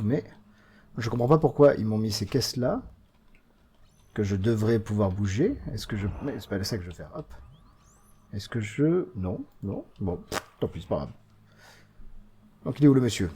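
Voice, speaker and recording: A man giving casual, chatty commentary while playing a video game as host of a let's play, mocking it with frequent hesitations and lively swings in pitch and loudness. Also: slightly rough.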